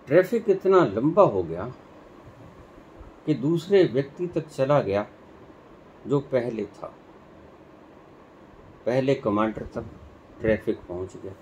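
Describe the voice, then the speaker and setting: A man giving a sermon as a spiritual teacher, telling a parable slowly and acting out the dialogue. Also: medium pitch, lively intonation, darkish tone, lo-fi sound, a little hiss or hum. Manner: slow storytelling, acting out dialogue.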